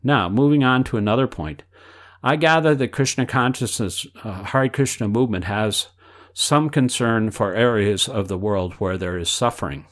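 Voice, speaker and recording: A man's voice: fairly low pitch, normal speed, a bit bright, natural voice. A man reading aloud the questions of a male interviewer, in a plain questioning tone. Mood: asking.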